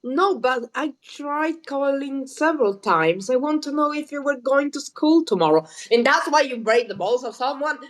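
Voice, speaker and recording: A woman's voice: high voice, expressive, normal speed, few pauses, low-quality recording. A woman reading the lines of a blunt, giggly young schoolgirl friend in a story game. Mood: insistent. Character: pushy young schoolgirl friend visiting at midnight.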